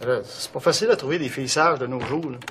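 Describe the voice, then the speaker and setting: A man's voice: mid-range voice, quick pace, lightly acted. An actor with a Quebec French accent playing a cocky, womanizing young bachelor with boastful banter. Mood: playful. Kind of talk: sitcom acting. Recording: loud background noise.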